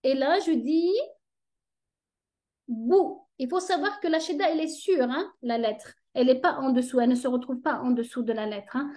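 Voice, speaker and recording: A woman's voice: high voice, a little fast, few pauses, darkish tone. A woman teaching a tutorial lesson on reading letters, patiently checking in with "ok?" as she goes. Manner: patient, checks understanding with frequent "ok?".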